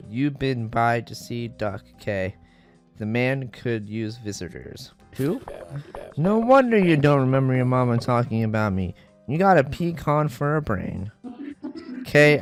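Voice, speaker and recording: A man voicing a gruff, chatty older man who speaks bluntly. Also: medium pitch. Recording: faint game music behind.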